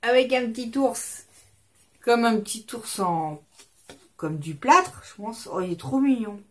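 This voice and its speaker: A woman's voice: on the high side, expressive, a little slow. A woman in her fifties, rambling and chatty, hosting a casual chat at her desk at home while showing crafts. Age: 50s. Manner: rambling, chatty, self-interrupting. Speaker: craft channel host.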